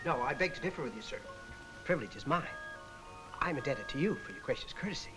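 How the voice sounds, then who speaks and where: A man's voice: mid-range voice, lively intonation, quick pace, music in the background, natural voice, poor audio. An actor playing an earnest, courteous young man with formal, flowery phrasing in a 1930s comedy film. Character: earnest, courteous young man raised among missionaries in China. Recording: hissy 1930s film soundtrack.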